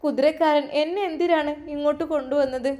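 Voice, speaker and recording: A woman's voice: high voice, fairly even intonation, fairly quick, warm tone, close to an everyday voice. A woman voicing a frightened, tearful young wife. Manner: pleading, tearful.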